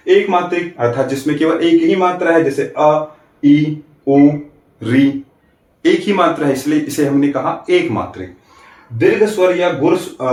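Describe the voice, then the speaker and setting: A man teaching an exam-prep grammar class, walking through each point and checking in with quick rhetorical questions. He stretches out vowels to show how they sound. His voice sits a little back from the mic in a roomy space. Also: on the high side, far from the mic. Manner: explains step by step, asks rhetorical checks; draws out vowels to demonstrate.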